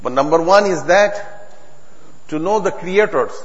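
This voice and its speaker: Preaching to his congregation in an echoing hall, a Bangladeshi man uses a slightly high, expressive voice. His non-native English comes out earnest, halting and emphatic, with repeated phrases, captured in a dull recording full of long reverb.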